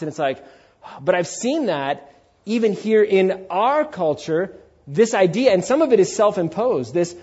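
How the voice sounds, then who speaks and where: The preacher, a man in his forties, has a high, slightly rough, somewhat mellow voice, with the highs cut off. He delivers an emphatic, informal sermon with rhetorical questions, acted-out quotes and casual asides.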